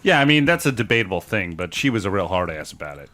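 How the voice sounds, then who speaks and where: A man's voice: low-pitched, big pitch swings, fast, pushed and bright. A man co-hosting a comedy podcast, joking in dry, casual banter. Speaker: co-host.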